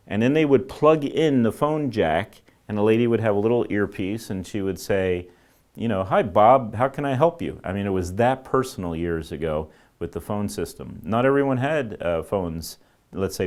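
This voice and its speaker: A man's voice: fairly low pitch, darkish tone. A man giving an informal, rambling classroom lecture on telephone systems, with many fillers and restarts. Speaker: telecom instructor.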